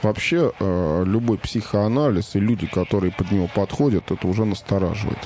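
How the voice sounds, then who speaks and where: Low-voiced guy hosting a chat, mellow, deadpan jokes, bit of hiss behind. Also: a little fast. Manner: ironic, rambling, deadpan absurd jokes. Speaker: radio host. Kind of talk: casual studio chat.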